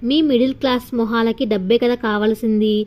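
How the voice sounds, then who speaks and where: A haughty rich young bully, voiced by a woman storyteller, sneers and threatens in a spoken story. The voice sits a little high, mocking and cruel. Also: fairly even intonation, a little fast, a little mellow, natural voice. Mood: taunting. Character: arrogant rich young woman, a bullying senior medical student.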